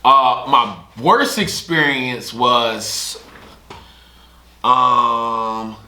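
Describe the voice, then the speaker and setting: Drawing out his words in a mid-range voice, a young man tells casual stories on his podcast. He animatedly acts out other people's lines, and the room echoes.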